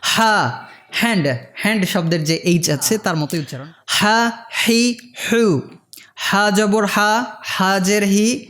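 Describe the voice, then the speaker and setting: A Quran reading teacher slowly drilling Arabic letter sounds for beginners, chanting each syllable and adding quick explanations. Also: mid-range voice, a bit bright. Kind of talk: slow phonics drill for beginners.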